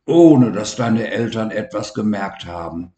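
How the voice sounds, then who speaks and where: A man's voice: fairly low pitch, animated, measured pace, roomy sound. A man voicing a proud, caring male lion king in a storybook reading. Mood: reassuring. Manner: reassuring, bold, loud roars.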